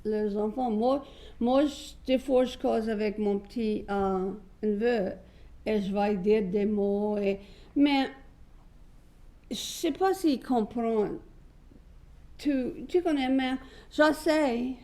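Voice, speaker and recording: A woman's voice: fairly high pitch, steady tone, slow, warm tone. An older woman with a Cajun French accent, reminiscing casually in a chatty, stop-and-start way. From south Louisiana, United States. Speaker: guest, singer.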